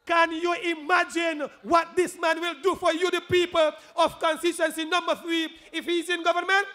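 Speaking at moderate pace with a very high, level voice, a Kittitian-accented candidate gives an emphatic campaign rally speech. His phrases recur again and again, climbing into shouts to rouse the crowd.

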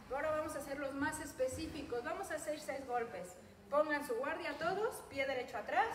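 A woman with a Mexican Spanish accent leading a self-defense class, counting out reps and checking in with "ok?" between drills. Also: sits high. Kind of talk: fitness class instruction. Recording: echoey room, mic far off, noisy.

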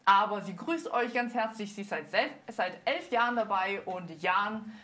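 An earnest thirties-aged woman, both host and dance team leader, speaks in a mid-range, slightly bright voice. Her speech is halting and filler-heavy, recorded by a lapel mic on a TV studio set.

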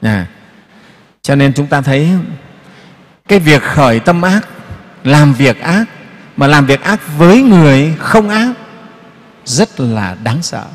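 Give me a male Buddhist monk, preaching lively in a long-echo hall. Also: on the high side, slow pace, pauses often. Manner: lively storyteller, acts out quotes, frequent fillers like "Đấy" and "Nghe không?". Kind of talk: sermon with storytelling.

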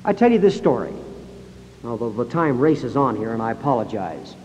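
A man giving a public speech in a high school hall, emphatic and acting out quoted voices, recorded on 1960s analog tape. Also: sing-song, moderate pace, darkish tone, highs cut off. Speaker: speaker.

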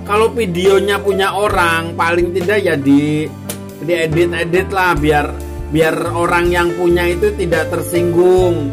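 A fairly high-voiced man chats loosely in a casual vlog, joking and repeating himself as he calls out to bro, guys, ma'am and sir. Clear music plays behind his voice throughout. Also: level tone, unhurried. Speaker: YouTuber giving tips to beginners.

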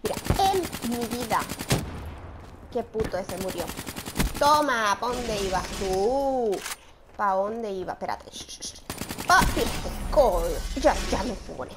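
A young woman giving excitable gameplay commentary, shouting and shushing as she plays. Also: on the high side, slow pace, background noise. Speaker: gaming channel host.

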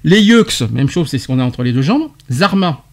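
Man, radio host, slightly high voice, quizzing a guest, lively explanations. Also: moderate pace. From France. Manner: quizzing, explaining slang terms with laughs. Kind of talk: radio debate segment.

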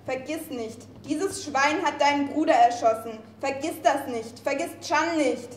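A hot-tempered young male fighter bent on revenge, read by a woman, barking orders in a high voice that drags each word out slowly. It is a staged play reading, recorded live in a roomy café with the sound bouncing around. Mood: enraged. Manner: furious, shouting demands. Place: café venue.

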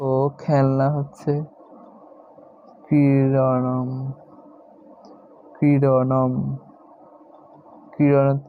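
A man teaching a lesson, explaining word by word and repeating each term slowly. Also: on the high side, steady tone, slight background noise. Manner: slow, repeats each word several times. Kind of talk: step-by-step classroom explanation. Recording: dull lo-fi sound.

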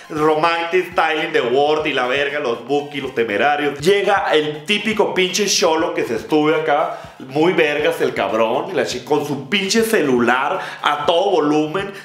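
A young Mexican man with a Mexican accent rants in an exaggerated, profane comic vlog. His voice sits slightly high, and the room around him is roomy and echoing. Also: a bit bright. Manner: profane, exaggerated, lots of swearing. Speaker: comedy vlogger. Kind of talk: comedic rant.

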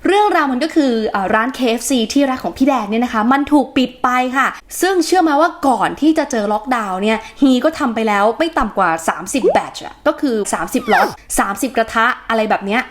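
A woman's voice: on the high side, lively intonation, brisk, hardly any pauses. A woman hosting a casual English vocabulary lesson, chatty and switching between Thai and English words as she explains. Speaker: English teacher and host. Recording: noisy recording with background noise.

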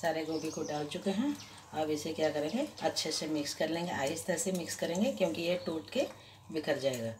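A woman with a low voice talks the listener through a home recipe, slow and patient, pausing and restarting as her hands work. The kitchen is noisy, with clear sizzling and frying behind her. She sounds like she is speaking off-camera above the stove. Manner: slow, patient explaining with many pauses and restarts. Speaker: cooking vlogger. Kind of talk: step-by-step cooking instruction. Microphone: camera above the hands, speaker off-screen.

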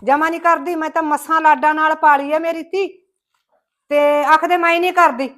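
A woman's voice: high-pitched, fairly even intonation, fairly quick, fairly bright tone. A woman with a Malwai Punjabi accent playing a grumbling, scolding village mother-in-law in a comic skit. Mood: gossipy complaining. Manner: scolding, rustic and emphatic.

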